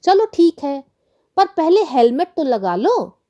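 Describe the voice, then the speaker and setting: A woman voicing a sensible, careful young boy in a children's story, in her own lively voice. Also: high-pitched, slow, exaggerated voice. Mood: earnest.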